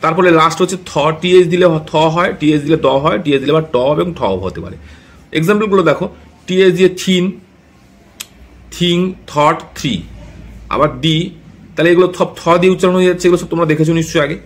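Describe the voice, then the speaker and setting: Male teacher, quick delivery, slightly high voice, Bengali speaker, frequent check-in questions, example words spelled out slowly. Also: fairly even intonation. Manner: checks in often with a tag question. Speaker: English teacher. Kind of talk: explaining a lesson to students.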